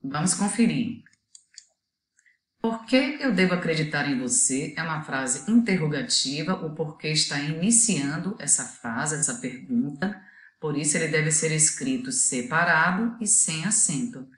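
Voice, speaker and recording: A woman teacher with a Brazilian Portuguese accent talks through a video lesson in a low voice. She explains patiently and pauses to let the students work out the answer. The room around her is noticeably echoey. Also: lively intonation, a bit bright.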